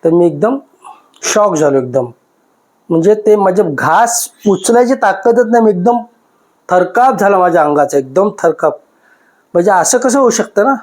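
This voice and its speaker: High-voiced man retelling a ghost story. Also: animated, normal speed. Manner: emotional, repetitive retelling. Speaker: podcast guest. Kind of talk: recounting a personal ghost experience.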